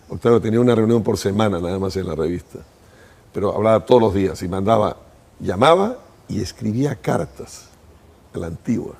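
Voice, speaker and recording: An older man tells stories from his past as an interview guest. His voice sits low and dark, with a gravelly, husky texture. He talks in long, thoughtful first-person reflections. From Peru. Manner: thoughtful, reminiscing, speaks in first person at length.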